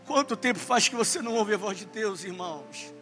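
A man preaching a sermon as pastor, with passionate delivery that climbs to shouting. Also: high-pitched, animated, fairly quick, faint music behind. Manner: impassioned preaching, rising to shouts.

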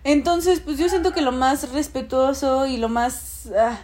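A woman's voice: high-pitched, unhurried, darkish tone. A woman in a casual chat, opinionated and emphatic.

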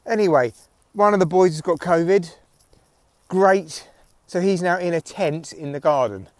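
British bloke chatting away on a walk, sweary and wry, slightly high voice, using headphones as mic, dry sound. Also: male voice, a little slow, no room sound. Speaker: podcast host and comedian. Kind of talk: casual solo chat, rambling audio diary. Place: outdoors, walking in the evening. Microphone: headphone mic near the neck. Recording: headphones used as mic, close at neck.

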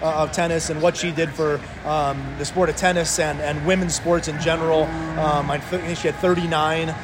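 A male sports show co-host with a high voice talks casually and haltingly, often repeating himself. Clear urban outdoor noise runs behind him. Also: little pitch movement.

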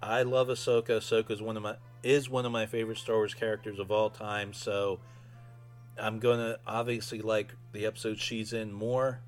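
A man's voice: lowish voice, flat delivery, moderate pace, soft background music. A man casually giving his own fan review as a solo podcast host.

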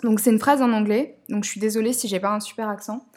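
A woman's voice: medium pitch, steady tone, fast, darkish tone. A woman who is a guest on a podcast, an art director, speaking upbeat and slightly hesitant, laughing often. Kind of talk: casual podcast interview.

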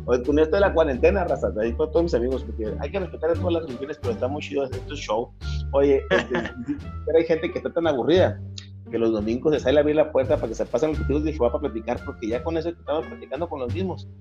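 A man's voice: medium pitch, fast, dark tone, dull audio, faint music behind. A middle-aged Mexican man telling jokes in a casual, rambling way, repeating words and using playful slang.

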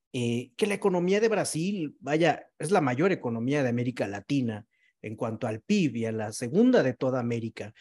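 A man's voice: a little high, darkish tone. A man hosting a podcast in a conversational, courteous and wordy interviewing style. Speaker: podcast host.

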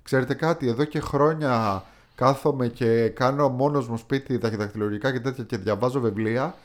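Rambling male podcast co-host. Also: mid-range voice. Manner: rambling, filler-heavy storytelling. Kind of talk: casual chat.

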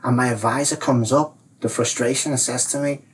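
A man explains his ideas in an easygoing chat, peppering his talk with fillers and slipping into higher, louder voices when he quotes his feelings. He sits some way from the mic, and a faint room noise hangs behind him. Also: fairly quick, distant mic, low-quality recording. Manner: animated, acts out inner voices, many "like, you know" fillers. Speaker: guest, self-realisation coach.

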